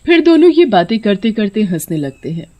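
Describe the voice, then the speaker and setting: A woman's voice: mid-range voice, very animated, normal speed, lo-fi sound. Woman narrating a cartoon horror story.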